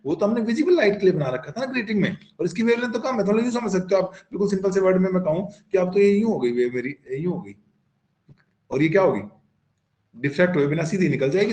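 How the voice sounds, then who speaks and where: A man's voice: sits high, a little mellow, roomy sound. A man teaching a physics class online, coaxing his students with questions, answering them himself and mixing English terms into his explanations.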